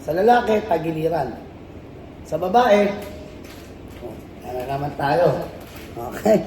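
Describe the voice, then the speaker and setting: A man's voice: fairly high pitch, expressive, slow, a little mellow, a little hiss or hum. A man with a Filipino accent giving a safety and security training lecture to a class. He mixes English phrases into his talk and keeps checking in with rhetorical questions like "tama?" and "di ba?". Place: training room in front of a class. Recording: echoey room, voice picked up from a distance.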